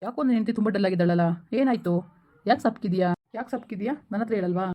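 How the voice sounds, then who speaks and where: A woman's voice: mid-range voice, rapid-fire, mellow, natural voice. A woman playing a village husband in a rural skit who coaxes and reassures his wife. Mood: coaxing. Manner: coaxing, reassuring. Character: village husband, dismissive then soothing.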